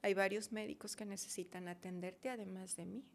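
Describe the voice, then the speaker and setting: Gravelly-voiced woman telling her story. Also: mid-range voice, fairly even intonation, brisk, slight background noise. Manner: emotional, storytelling, reenacting her own pleas. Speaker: guest. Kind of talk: personal testimony in a podcast interview.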